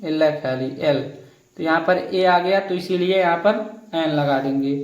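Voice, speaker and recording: Man, teacher, grammar lesson, high voice, repeats things patiently, echoey room. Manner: repetitive, explains step by step, addresses viewers as friends. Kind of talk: grammar lesson explaining rules.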